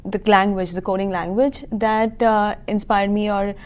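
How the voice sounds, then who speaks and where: A woman's voice: mid-range voice, flat delivery, moderate pace, a little mellow. A woman in her thirties from Kuwait, a school founder explaining her business in a local TV interview, earnest and full of fillers. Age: 30s.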